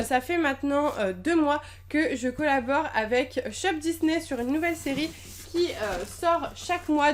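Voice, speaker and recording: A woman's voice: high-pitched, a little hiss or hum. A young woman chatting casually in an unboxing vlog, gushing and bubbly, with lots of fillers. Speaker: YouTuber unboxing packages.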